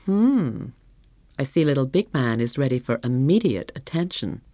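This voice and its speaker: A woman's voice: very deep voice, sing-song, normal speed, warm tone, dry recording, full character voice. A pampered movie queen purrs her lines with arch, sultry relish, as a woman puts her on. The sound is close and dry, like a studio audiobook. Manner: arch, purring.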